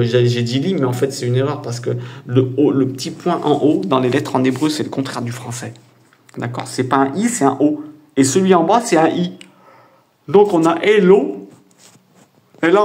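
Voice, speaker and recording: A man's voice: medium pitch, darkish tone. A man teaching as a patient instructor, walking through a diagram step by step and often checking whether listeners follow. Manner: patient, explains step by step, many "d'accord?" check-ins. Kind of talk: casual teaching over a diagram.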